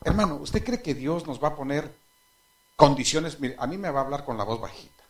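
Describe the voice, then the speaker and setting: Slightly high in pitch and a little fast, a male pastor gives a sermon. He tells anecdotes animatedly, laughs at them himself, and asks the congregation direct questions.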